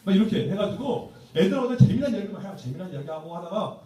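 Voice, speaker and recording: A pastor tells stories with lively, rising and falling pitch and a slightly high voice, playful and humorous as he addresses church teachers. His tone is dark and mellow. The sound booms around a large church sanctuary, picked up from a distance. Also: quick pace. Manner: storytelling, playful, acts out quotes. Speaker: pastor giving a teacher seminar. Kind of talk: humorous church seminar talk. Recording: echoey church hall from far off.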